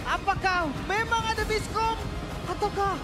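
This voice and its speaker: High-pitched hyped Indonesian male esports announcer. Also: a little slow, over a noisy crowd. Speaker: esports commentator. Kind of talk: live match commentary. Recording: voice over loud game music.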